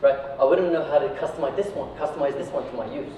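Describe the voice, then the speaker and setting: A company founder from Iraq speaks at a quick pace in a mellow, medium-pitched voice during an informal, conversational talk, regularly checking in with "right" or "yeah." The audience setting is an echoey indoor venue, recorded from afar, and the audio is dull with faint noise.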